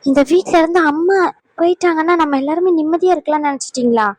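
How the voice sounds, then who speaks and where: A woman's voice: high voice, quick pace, a little mellow, no echo, close to an everyday voice. A woman voicing an upset young woman confronting her father in a dubbed serial drama. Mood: demanding. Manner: demanding, upset.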